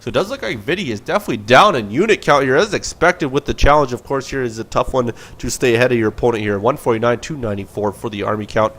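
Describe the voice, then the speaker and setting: A man's voice: mid-range voice, animated, fast, few pauses, fairly bright tone. A man casting a video game replay with play-by-play commentary, casual and joking. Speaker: game caster.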